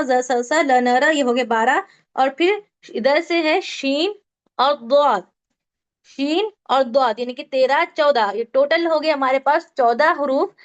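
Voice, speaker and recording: High-voiced woman teaching recitation rules. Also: highs cut off. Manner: patient, explains step by step with questions to students. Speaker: tajweed teacher. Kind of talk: online Quran recitation lesson.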